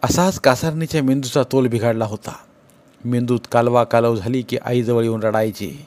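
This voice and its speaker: A man reads a story aloud in a steady, measured way. His voice sits at an ordinary middle pitch and keeps an even, unhurried audiobook delivery. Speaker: audiobook narrator. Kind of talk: storytelling narration.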